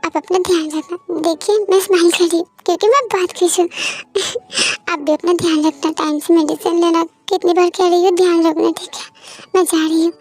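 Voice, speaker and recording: A woman's voice: very high voice, darkish tone. A woman voicing a tearful young bride saying goodbye to her father, insisting she is not crying.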